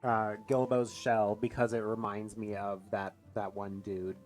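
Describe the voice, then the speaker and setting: A man playing in a tabletop game, describing scenes in an animated, casual way, with frequent casual swearing. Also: fairly low pitch, unhurried, soft background music. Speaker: player.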